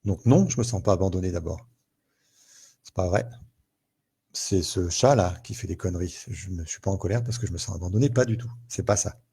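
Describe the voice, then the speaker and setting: A male therapist talks through everyday scenes in a live explanatory session, thinking aloud and circling back on his words. His voice sits low and dark, with a heavy husky breathiness and a gravelly edge. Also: fairly quick.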